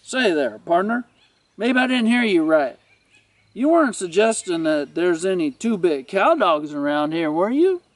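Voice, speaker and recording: A man's voice: high-pitched, very animated, a little slow, no echo, far from the mic. A man voicing a cocky, wisecracking male ranch dog who taunts with a mocking drawl. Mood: taunting.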